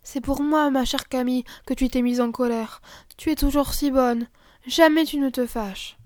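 A woman voicing a gentle little girl who talks earnestly and tenderly. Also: high-pitched, steady tone, moderate pace, dry recording, clean studio sound, close to an everyday voice.

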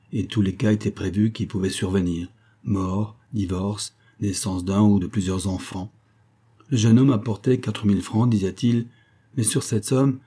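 A man reading a classic novel aloud as an audiobook narrator, in a measured literary style. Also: fairly low pitch, warm tone, breathy edge.

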